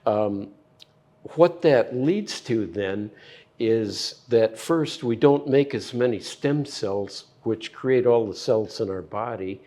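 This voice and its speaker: An older man, a physician, giving slow, measured explanations of health science with plain analogies in an interview. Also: lowish voice, warm tone. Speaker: physician guest.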